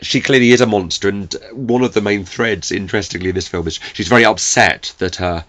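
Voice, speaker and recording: Male podcast guest, lowish voice, musing and halting delivery. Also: fairly bright tone. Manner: thoughtful, hesitant, many restarts and fillers. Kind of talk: casual podcast chat.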